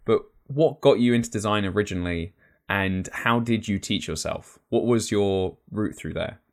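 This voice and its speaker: A man's voice: lowish voice, moderate pace. A man hosting a podcast in a casual, informal and chummy way. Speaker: podcast host.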